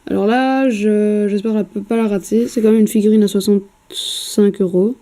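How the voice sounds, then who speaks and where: A woman's voice: medium pitch, fairly even intonation, moderate pace, mellow. A woman chatting casually while painting a miniature at home, hesitant with many fillers and casual swearing, recorded on a camera mic.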